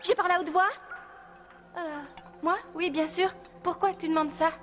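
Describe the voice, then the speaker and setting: A woman's voice: extremely high pitch, fairly even intonation, moderate pace, fairly bright tone, soft background music. A woman voicing a bashful, lovestruck teenage girl in a cartoon dub, nervous and rambling to herself. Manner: nervous, rambling, self-talking.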